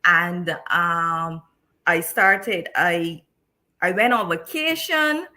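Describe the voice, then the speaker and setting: Chatty teacher lady from barbados, bright voice sits a bit low, keeps restarting. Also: very slow. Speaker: guest teacher. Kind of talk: live-stream interview.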